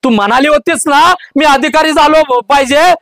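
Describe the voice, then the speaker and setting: A man voicing a hurt five-year-old boy who pleads and wails in a drawn-out, crying way during a dramatic spoken story. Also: extremely high pitch, a bit bright, dry recording, clean studio sound. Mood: tender brave. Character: small boy, five, hungry then badly hurt.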